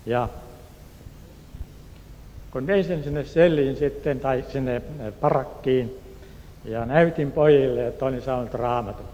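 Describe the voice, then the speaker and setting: A man from Turku recounts a personal testimony in an earnest, unhurried voice of ordinary pitch. He acts out the people in his story as he goes. The recording is an echoey hall with a faint hum of background noise. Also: mellow. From Turku, Finland. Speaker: speaker giving a personal testimony.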